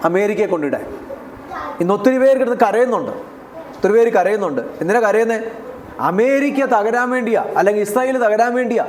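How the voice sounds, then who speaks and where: A man's voice: sits high, roomy sound, a little hiss or hum. A man with a Malayali accent preaching a sermon as pastor, asking the congregation rhetorical questions and repeating key phrases. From India. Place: church hall.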